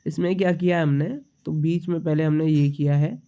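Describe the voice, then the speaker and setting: A young man with a slight cold teaches shorthand in a casual tutorial, patiently repeating each symbol as he writes it. His voice sits on the high side yet sounds dark, clear and resonant, with a level tone and moderate pace. The recording has a dull, lo-fi quality.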